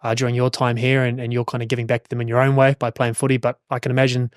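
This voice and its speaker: A man's voice: mid-range voice, completely flat delivery, very fast, smooth, dry recording, studio quality. A man hosting a casual interview in a chummy, encouraging way. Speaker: podcast host.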